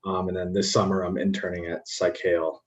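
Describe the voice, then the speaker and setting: A man, a business student guest on a podcast, speaking in a brisk, matter-of-fact way in casual interview talk. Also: low-pitched, monotone. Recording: dull lo-fi audio.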